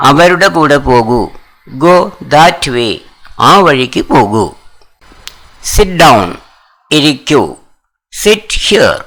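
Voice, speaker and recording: A man's voice: fairly high pitch, fairly bright tone, poor audio. A man with a Malayali accent teaching spoken English, reading short commands one at a time, each followed by its translation. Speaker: language teacher. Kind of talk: slow, deliberate phrase-by-phrase reading.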